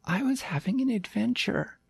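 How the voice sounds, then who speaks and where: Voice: mid-range voice, expressive, moderate pace, creaky, husky, dry recording, voice pushed up. A storyteller voicing a small, eager, lost male puppy who rambles in long run-on sentences. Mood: rambling.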